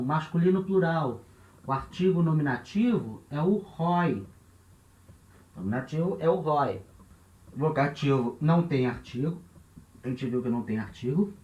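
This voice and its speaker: A man's voice: on the high side, expressive, moderate pace, muffled recording. A man with a Brazilian Portuguese accent teaching a grammar lesson at a board, patient, repeating key points and checking in with listeners as he goes. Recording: roomy echo.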